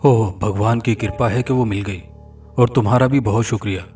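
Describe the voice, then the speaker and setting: A man's voice: fairly low pitch, steady tone, normal speed, darkish tone, recorded from a distance, faint music behind, lightly acted. A man voicing an impatient, eager man on the phone in a storybook horror tale.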